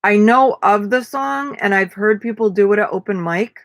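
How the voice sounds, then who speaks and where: A woman's voice: mid-range voice, normal speed, no room sound. Tired young woman chatting on a live stream. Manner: rambling, many fillers. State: tired, yawning. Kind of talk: casual live-stream chat.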